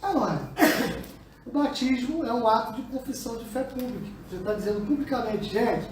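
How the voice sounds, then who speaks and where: A man's voice: very high voice, a little fast, noisy background. A man preaching a sermon as pastor, pressing the congregation with call-and-response questions. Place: church hall with congregation. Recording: echoey church room, mic far off, congregation.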